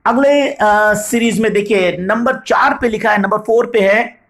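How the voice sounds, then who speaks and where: A man teaching English vocabulary in a video lesson, explaining patiently, reading English examples slowly and often asking "right?". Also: high-pitched, fairly bright tone. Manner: addresses viewers as "sahab", frequent "right?".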